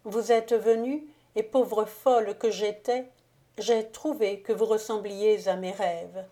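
A woman reading a wronged young countess, speaking firmly and assuredly, slow and mellow. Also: mid-range voice, steady tone, lightly acted. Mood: reproachful. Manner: firm, assured. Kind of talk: audiobook character reading.

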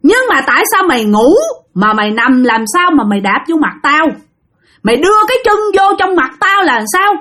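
A woman's voice: very animated, moderate pace, pushed and bright, heavily acted. A woman voicing the furious ghost of a dead mother, scolding. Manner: shrill scolding tirade.

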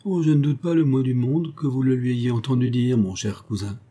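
A man voicing a disdainful, jaded young gentleman who speaks with mocking indifference. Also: mid-range voice, steady tone, brisk, breathy edge, natural voice. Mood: sneering. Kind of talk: audiobook character voice.

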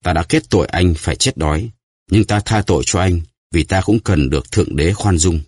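A man's voice: deep voice, a little mellow, breathy edge, dry recording, clean studio sound. Man doing a solemn, vengeful nobleman. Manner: grave, measured.

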